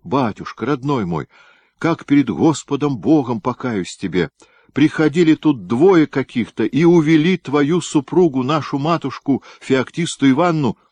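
A man's voice: mid-range voice, lively intonation, moderate pace, a little mellow, no room sound, voice pushed up, natural voice. A man reading an audiobook, voicing a frightened old female housekeeper who pleads and wheedles. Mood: pleading.

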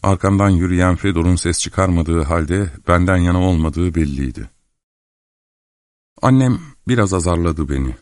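A man calmly narrating a literary novel in the first person as an audiobook reader. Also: deep voice, dry recording, clean studio sound. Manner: calm, measured storytelling.

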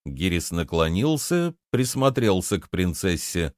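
Guy reading a fantasy audiobook, lowish voice, dry close sound. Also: very animated, a little slow, no room sound. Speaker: narrator. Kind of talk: audiobook narration.

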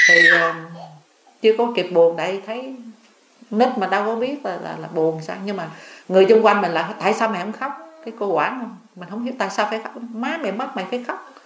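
A woman's voice: medium pitch, echoey room, slight background noise. An older woman, a Buddhist nun, giving a dharma talk, telling stories and asking her listeners questions. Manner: storytelling, asks listeners questions.

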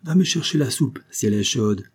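A man reading the part of a young peasant fighter of about twenty who speaks bluntly and calmly. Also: medium pitch, brisk, slightly rough. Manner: blunt, calm country speech.

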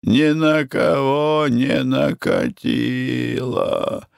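A man reading the part of an old sailor in a religious sect, pleading slowly and plaintively. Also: medium pitch, gravelly, no room sound, studio quality, pitched above the performer's own voice, exaggerated voice.

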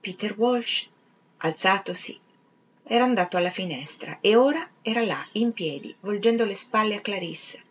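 A woman reading a literary novel aloud in a measured, expressive way, sometimes sinking to a whisper. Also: medium pitch, a little hiss or hum. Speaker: reader. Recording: slightly dull, lo-fi recording.

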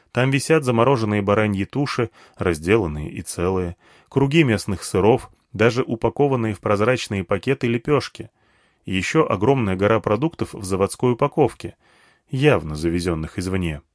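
A man reading a first-person story aloud in an expressive, conversational storytelling manner. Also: fairly low pitch, dry recording, clean studio sound. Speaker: audiobook narrator. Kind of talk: first-person audiobook narration.

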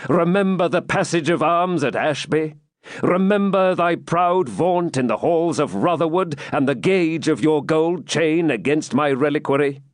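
A man's voice: a little high, no echo, studio quality, voice pushed up. A man reading aloud and voicing a proud young knight who declaims his challenge in a raised voice.

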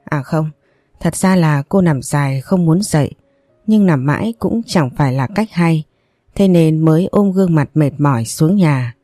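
A woman narrating an audiobook in a calm, even storytelling manner. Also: low-pitched, normal speed, no room sound, clean studio sound. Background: faint music.

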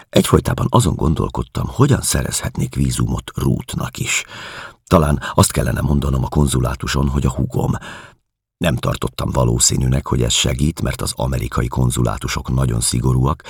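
A man reading a novel aloud in a measured, expressive way. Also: a bass voice, creaky, husky, no room sound, clean studio sound. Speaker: audiobook narrator. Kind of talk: scripted novel narration.

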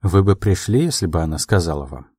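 A man voicing a calm, earnest young man in love in an audiobook, speaking quietly and in a measured way. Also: deep voice, breathy edge, dry recording, studio quality. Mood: reassuring.

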